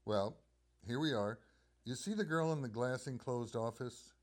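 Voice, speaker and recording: In a radio drama, a man plays an obliging telephone company supervisor who courteously explains things in crisp phrasing. His medium-pitched voice moves at normal speed with light acting, and the mood is informative and businesslike.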